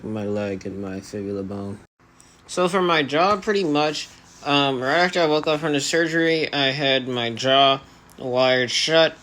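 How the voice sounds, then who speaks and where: Male, 18, medium pitch. Earnest, hesitant personal vlogger, articulation a little restricted at the jaw. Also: a bit bright, a little hiss or hum. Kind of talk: personal vlog monologue to camera.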